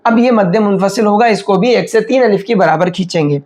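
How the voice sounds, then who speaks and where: A man giving a patient tajweed lesson, posing questions and then answering them himself. His voice sits fairly high for a man. He stretches out each demonstration word very slowly before returning to explanation. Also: darkish tone. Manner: slows right down to demonstrate recitation. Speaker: Quran recitation teacher.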